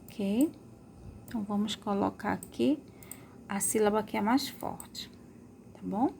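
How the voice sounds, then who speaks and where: A woman's voice: medium pitch, a little slow, creaky, darkish tone, a little hiss or hum. A woman teaching a remote school lesson, stretching out words to model their sounds and checking in with pupils often.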